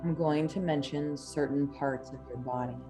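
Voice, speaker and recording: A woman hypnosis instructor guiding a relaxation induction, speaking in an unhurried, lulling way with long pauses. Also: sits low, steady tone. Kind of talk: slow, soothing guided relaxation induction. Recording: music playing behind the voice. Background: soft New-age music.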